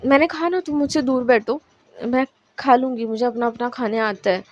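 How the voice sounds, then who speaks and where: A woman's voice: high voice, moderate pace, darkish tone, highs cut off. A woman voicing a frightened young woman, tearful and desperate as she pleads. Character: frightened, tearful young woman pushing her lover away.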